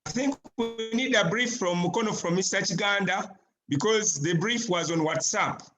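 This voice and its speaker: A man's voice: high voice, normal speed, pushed and bright, faint music behind. A man steers the agenda on a conference call, insistently repeating his requests. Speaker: meeting participant steering the agenda. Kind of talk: running business on a conference call. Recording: noisy conference call with clicks.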